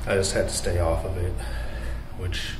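A man's voice: low voice, level tone, moderate pace. A young man chatting casually for a vlog into a handheld phone, in a self-conscious, hesitant manner. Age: young adult. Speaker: vlogger. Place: handheld phone, partly indoors, mostly walking outside on snowy city streets. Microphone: phone at arm's length. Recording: noisy phone recording with street and traffic noise.

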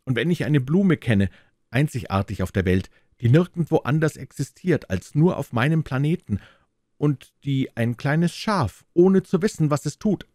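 A man's voice: a little high, animated, moderate pace, darkish tone, no echo, clean studio sound, voice pushed up, natural voice. A man voicing a small, earnest boy prince from another planet, who questions insistently and indignantly. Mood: impassioned.

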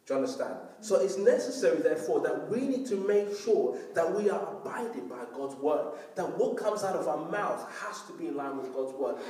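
A man's voice: fairly high pitch, expressive, fairly quick, few pauses, dark tone. A man preaching a sermon as pastor, emphatic and often checking that the congregation understands. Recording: very echoey room, voice from far off.

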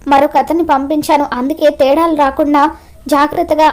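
A woman voicing a shifty male bus driver who talks in a slow, pleading way. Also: sits high, little pitch movement, darkish tone, lightly acted.

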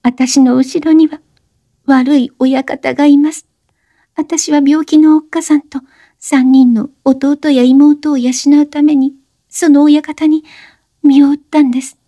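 A woman's voice: high-pitched, steady tone, unhurried, dark tone, no room sound, studio quality, voice pushed up. A woman voicing a desperate, guilt-ridden young woman who pleads breathlessly through sobs in a spoken story reading. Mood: confessing.

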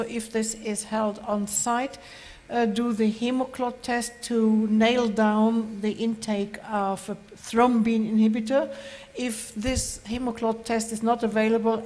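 A woman explains her reasoning step by step on a conference panel, her fairly high voice carrying long reverb through the hall. She sounds measured and methodical. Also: darkish tone. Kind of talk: panel discussion.

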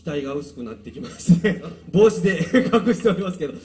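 A man's voice: a little high, lively intonation, brisk, a little mellow. Polite joking man at a live show. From Japan. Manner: polite, joking, laughs between phrases. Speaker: band vocalist introducing members. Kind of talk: casual stage MC at a live show. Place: outdoor park stage. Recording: live outdoor recording with guitar behind.

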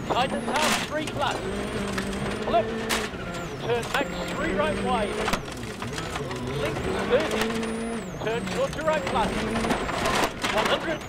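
A man working as a rally co-driver, calling out rapid pace notes in clipped, terse phrases over a helmet headset inside a car. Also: extremely high pitch. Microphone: helmet intercom headset. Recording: loud car engine and road noise.

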